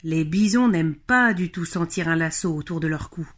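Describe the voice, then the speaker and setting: Une femme qui raconte une histoire pour enfants d'une voix claire et posée, sur fond de musique. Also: female voice, deep voice, normal speed. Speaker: storyteller. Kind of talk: children's story reading. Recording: music playing behind.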